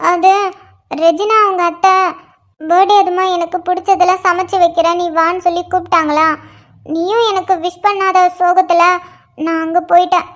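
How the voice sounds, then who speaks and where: An emotional young wife from a cartoon story, voiced by a woman. Her voice is squeaky and very high, turning from whiny and pouty to bubbly and delighted. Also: level tone, normal speed. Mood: happy. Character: young wife, emotional, sulky then joyful. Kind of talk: cartoon dialogue voice acting.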